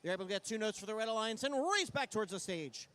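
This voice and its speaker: High-pitched male sports commentator. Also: expressive, fast, fairly bright tone. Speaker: play-by-play announcer at a robotics competition.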